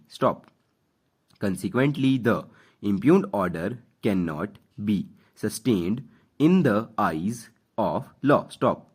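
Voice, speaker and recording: Low, husky Indian man giving slow dictation. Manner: deliberate dictation in short phrases, speaking punctuation aloud. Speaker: dictation instructor reading for stenography practice. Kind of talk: slow school dictation, reading legal text aloud.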